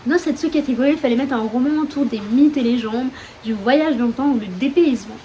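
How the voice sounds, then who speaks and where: Chatty young French woman, high voice. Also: fast, warm tone. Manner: chatty, self-mocking, many fillers. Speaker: book vlogger. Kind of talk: casual chat. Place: room at home with open windows, storm outside. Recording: faint wind and rain noise. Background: wind and rain.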